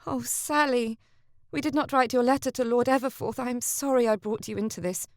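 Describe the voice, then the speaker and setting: A woman voicing a headstrong young noblewoman with sharp, indignant retorts. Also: on the high side, fairly quick, dry recording, clean studio sound, voice pushed up, natural voice. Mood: pleading rueful.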